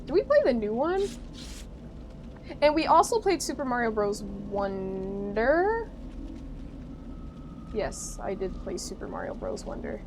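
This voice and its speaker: A young woman with an American accent, chatting casually with her stream viewers in an animated, chatty way. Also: mid-range voice, unhurried, pauses often, noisy background. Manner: chatty, animated retelling, frequent laughter.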